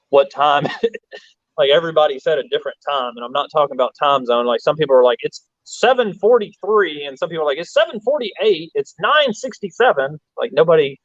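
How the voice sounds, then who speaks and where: A man's voice: mid-range voice, no room sound, muffled recording. A man from Alabama, hosting a casual livestream, rambling, laughing often and reading chat aloud. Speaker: livestream host.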